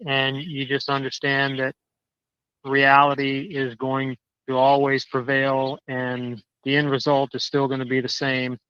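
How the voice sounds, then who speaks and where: A man calling in on a crackly phone line that fades in and out, walking a dog outdoors and telling his story in a halting, indignant way, often repeating words. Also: medium pitch, monotone, sharp tone, smooth, no room sound. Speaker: caller. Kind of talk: casual chat. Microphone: cell phone.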